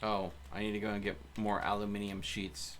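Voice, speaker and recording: With a lowish, slightly bright voice that moves little in pitch, this streamer talks a bit fast while commenting casually on his gameplay. He thinks aloud and mutters to himself against clear background noise.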